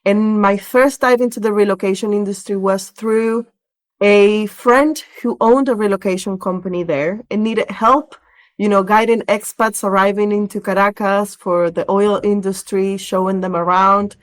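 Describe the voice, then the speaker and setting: A Venezuelan woman with a mid-range voice speaks at a moderate pace with fairly even intonation. She's a relocation director appearing as a podcast guest, answering conversational interview questions by telling stories and explaining.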